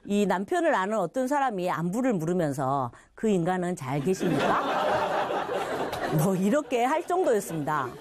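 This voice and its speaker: A woman's voice: mid-range voice, darkish tone, no room sound. A middle-aged woman telling her personal church testimony, acting out what others said and laughing now and then. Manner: storytelling with quoted voices and laughter.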